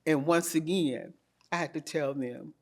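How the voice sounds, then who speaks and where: A middle-aged woman, an interview guest, telling her story in a candid, animated way and quoting herself with emphasis. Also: sits low, measured pace.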